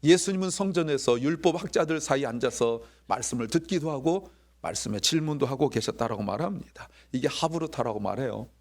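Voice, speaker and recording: A man preaching a sermon as pastor, talking to the congregation in a lively way and acting out quoted dialogue in his own voice. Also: medium pitch, fairly quick.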